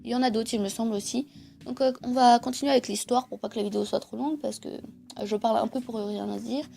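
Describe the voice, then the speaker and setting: A woman's voice: fairly high pitch, steady tone, fast talker, vocal fry, warm tone. A young woman talking casually to camera about comics she recommends, hesitant and full of fillers. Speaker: manga reviewer. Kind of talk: casual video monologue. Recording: faint background music.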